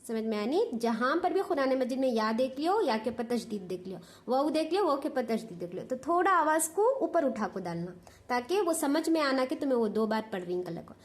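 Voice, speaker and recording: High-voiced Hyderabadi woman teaching patiently. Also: sing-song, brisk. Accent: Hyderabadi Urdu. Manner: patient, repetitive, asks "understood?". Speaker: Quran recitation teacher. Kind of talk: step-by-step lesson explanation.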